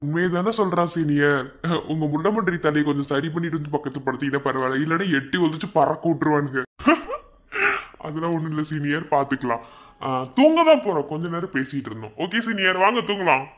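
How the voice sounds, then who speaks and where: A man's voice: a little high, sing-song, a little fast, fairly bright tone. A man voicing a cheeky young male college student in a cartoon, with a Madurai Tamil accent and joking banter. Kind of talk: cartoon voice acting.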